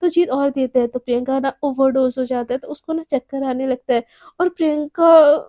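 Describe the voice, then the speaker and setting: A woman telling a story in a casual, animated way, often restarting her words. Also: sits high, moderate pace, dry recording, muffled recording.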